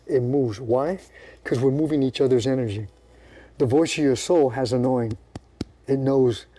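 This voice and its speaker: A man's voice: medium pitch, moderate pace, dark tone. An older man, a martial arts instructor, talking casually, showing moves and acting out the people in his stories. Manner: demonstrates moves while talking, acts out quoted people. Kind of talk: casual teaching chat.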